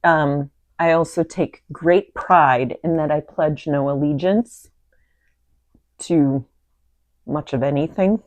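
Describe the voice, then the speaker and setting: A woman co-hosting a casual conversation, wry and animated, often pausing to search for words. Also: deep voice, no echo, lo-fi sound. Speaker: co-host.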